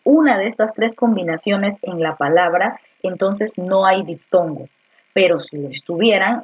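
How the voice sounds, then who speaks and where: A woman's voice: mid-range voice, muffled recording. A woman teacher explains a grammar lesson step by step, asking questions and answering them herself.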